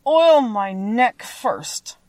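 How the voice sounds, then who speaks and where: Woman voicing a slow, mournful Tin Woodman. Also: on the high side, sing-song, darkish tone, dry recording, voice pushed up, exaggerated voice. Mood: plaintive, pleading. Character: polite, mournful tin man, stiff with rust.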